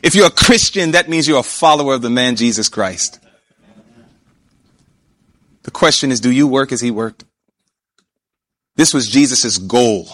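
A man preaching a sermon, emphatic, often asking his listeners questions and slowing down to stretch key words. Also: medium pitch, lively intonation, fairly bright tone. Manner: emphatic, asks the audience questions.

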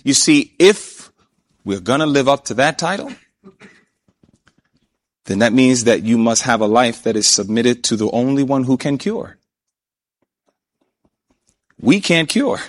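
A man preaching a sermon, emphatic, often asking his listeners questions and slowing down to stretch key words. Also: mid-range voice, big pitch swings. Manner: emphatic, asks the audience questions.

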